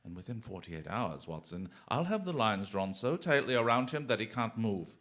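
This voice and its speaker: With a lowish, very animated voice at normal speed, an actor portrays a brilliant English gentleman detective in a radio play. The character, usually playful and self-assured with exclamatory flourishes, here sounds grave and eloquent.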